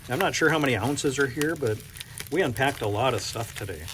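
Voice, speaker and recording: A man's voice: medium pitch, expressive, a little fast, a bit bright, a little hiss or hum. A man from North Dakota who runs a coin shop, chatting casually and thinking aloud as he unboxes silver bars, with self-deprecating asides.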